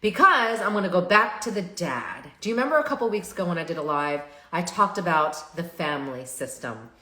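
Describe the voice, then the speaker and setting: A woman's voice: fairly low pitch, lively intonation, a little fast, bright, forceful tone. A middle-aged woman, a family therapist, talking casually on a live stream. She often checks in with her viewers by asking "right?". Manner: chatty, asks the audience "right?" often. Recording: echoey room.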